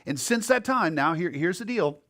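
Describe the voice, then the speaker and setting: A man preaches a sermon to his congregation on a church mic, in a conversational, lively way. His voice sits a little higher than most men's. He keeps breaking off to talk directly with the people in the pews. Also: normal speed. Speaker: pastor. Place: church sanctuary. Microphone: handheld or headset mic.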